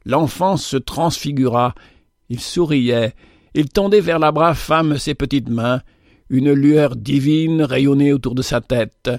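Gentle man reading a storybook. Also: mid-range voice, slow, no echo, studio quality. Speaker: narrator. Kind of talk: scripted storybook narration.

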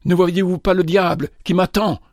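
A drunk young woman cries out in a hoarse, raspy voice, lifted higher than a plain man's reading, as a male narrator puts her on. Her lines come in frantic bursts in a storybook audiobook. The sound is close and dry. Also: fairly even intonation, moderate pace, dry recording. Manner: frantic shouting.

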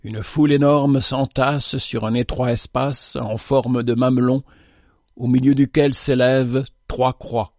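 A man's voice: medium pitch, flat delivery, unhurried, warm tone, no echo, studio quality. Man narrating a solemn tale. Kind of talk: scripted narration.

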